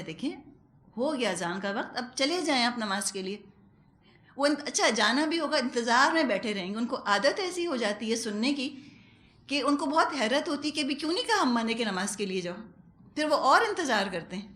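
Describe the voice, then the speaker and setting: A woman's voice: fairly high pitch, fairly bright tone, roomy sound. A woman teaching a Quran lesson to women in a conversational way, acting out everyday household calls. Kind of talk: lecture to women.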